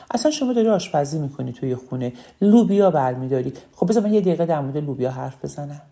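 A woman's voice: sits low, gravelly, warm tone. A woman giving a spoken lesson on public speaking, emphatic and repeating key phrases.

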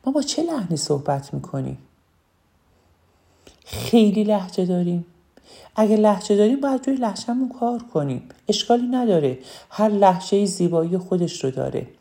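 Woman speaking coach, low and mellow, earnest, repeats points for emphasis. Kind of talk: instructional talk on public speaking.

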